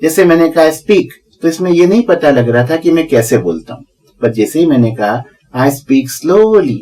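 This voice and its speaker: A man teaching a video lesson, explaining step by step and slowing down for examples, with a Hindi accent. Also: a little high, animated, mellow, low-quality recording. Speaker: English teacher.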